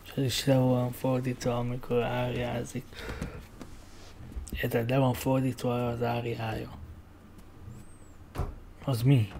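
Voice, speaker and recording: A man's voice: mid-range voice, completely flat delivery, a little slow, creaky, pauses often, warm tone. A young adult man giving casual commentary while streaming a game from a room at home. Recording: noisy stream with game sound.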